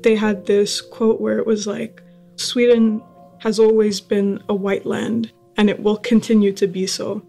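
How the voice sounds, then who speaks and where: A woman's voice: mid-range voice, little pitch movement, a little slow, gravelly, warm tone, faint music behind. A young woman from the UK, a student, talking casually in an interview and often saying "like". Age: young adult. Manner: casual, with fillers like "like".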